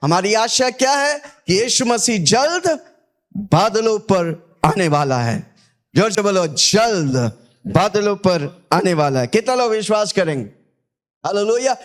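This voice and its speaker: High-voiced, slow-preaching man pastor. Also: very animated. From India. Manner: call-and-response preaching, urging listeners to shout back; repeats scripture after the reader. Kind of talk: sermon.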